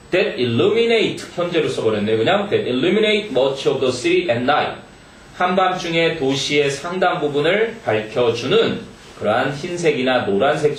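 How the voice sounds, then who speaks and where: A man teaching English to high school students, reading English phrases slowly and checking in with the class. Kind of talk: exam-prep lecture. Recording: echoey room, mic far off, faint noise.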